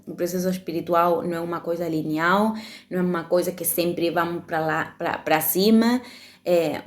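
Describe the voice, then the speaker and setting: A woman giving a reflective spiritual talk to her viewers, speaking slowly with frequent restarts and fillers. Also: lowish voice. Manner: halting, many restarts and fillers, calm. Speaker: spiritual video host.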